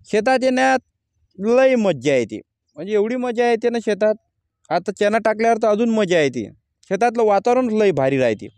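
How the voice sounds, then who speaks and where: High-voiced farmer talking outdoors. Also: male voice, very animated, moderate pace, a little mellow, no echo. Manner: plain-spoken, rising to angry complaint. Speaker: farmer vlogger. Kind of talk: casual vlog talk to camera. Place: outdoors in a farm field.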